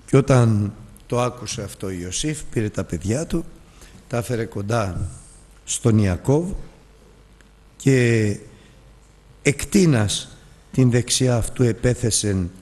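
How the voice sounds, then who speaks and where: A man teaching a Bible lesson as a sermon, telling stories with lively, emotional acted dialogue. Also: on the low side, in a large hall. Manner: emotional storytelling, acts out dialogue.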